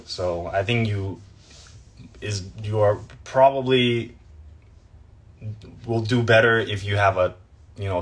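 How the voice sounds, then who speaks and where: A young man with a low voice talks very slowly on a live stream from his phone. He answers fans in a relaxed, thoughtful way and often trails off into fillers. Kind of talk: casual live Q&A chat.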